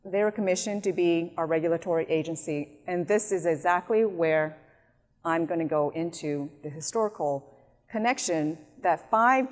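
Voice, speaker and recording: A woman giving an animated slide presentation, acting out quotes as she explains. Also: fairly low pitch. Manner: animated, acts out quotes in other voices. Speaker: speaker. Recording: echoey hall.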